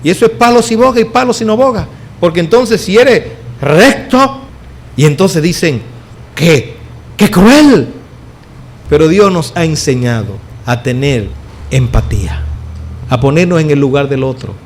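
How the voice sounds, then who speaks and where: A middle-aged man preaching a sermon as pastor, swinging between loud declarations and soft low asides. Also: lively intonation, moderate pace. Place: church.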